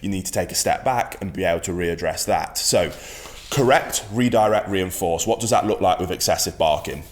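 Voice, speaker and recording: A man's voice: sits low, brisk, hardly any pauses, a little hiss or hum. A man teaching as a dog trainer, giving an instructional talk in a firm, emphatic way and repeating his key points.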